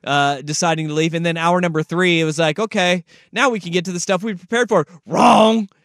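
A male sports radio host with a fairly high voice talks casually. He leans on repeated phrases for emphasis. The studio sound is close and dry. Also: fairly even intonation, brisk, fairly bright tone, no echo.

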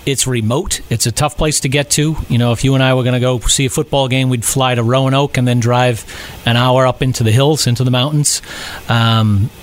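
Man, middle-aged, from Rhode Island, medium pitch, halting with fillers, casual sports podcast co-host. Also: fairly even intonation. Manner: halting, many fillers and restarts.

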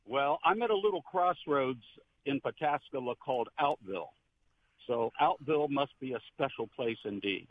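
An older man calls in on a speakerphone. His voice comes through a thin, phone-narrow line with a faint hiss underneath. He talks at an average pitch, earnest and a little meandering, and restarts as he recalls things. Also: animated, normal speed. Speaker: caller, retired Protestant pastor. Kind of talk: call-in radio chat. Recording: tinny speakerphone call with faint background noise.

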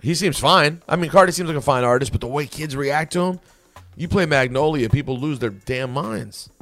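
A man's voice: a little high, moderate pace, fairly bright tone, faint music behind. An American man co-hosting a radio show with casual studio chat.

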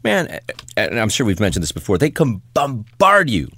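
A man's voice: lowish voice, wildly swooping pitch, a little fast, sharp tone, breathy edge. A man co-hosting a radio show, bantering casually in a wry, self-mocking, joking way from a radio studio.

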